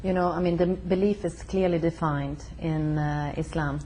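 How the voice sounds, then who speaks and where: A young woman from Sweden, interviewed in her home, speaking hesitantly with many fillers and pauses. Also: low-pitched, steady tone, dark tone, a little hiss or hum, low-quality recording. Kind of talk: casual conversation.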